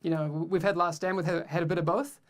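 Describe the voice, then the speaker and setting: A man's voice: a little high, steady tone, fast talker. A man hosting a game livestream show, upbeat and full of fillers. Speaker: host.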